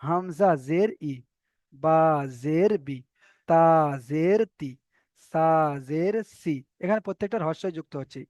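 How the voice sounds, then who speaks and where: A man teaching Arabic letter pronunciation in an online lesson, slowly repeating each letter with its vowel mark. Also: fairly high pitch, darkish tone, no echo. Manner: slow drilling of letter sounds, repeating each pair. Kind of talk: online Quran reading lesson.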